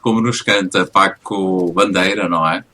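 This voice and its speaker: A man's voice: sits low, fairly even intonation, moderate pace, pushed and bright, a little hiss or hum. A man hosting a casual radio interview, talking hesitantly with frequent fillers and restarts. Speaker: radio host.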